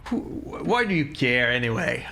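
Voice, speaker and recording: Bright-voiced man running a tabletop game. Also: mid-range voice, sing-song, gravelly, soft background music. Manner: halting, repeats words as he improvises. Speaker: game master. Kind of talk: improvised tabletop game narration.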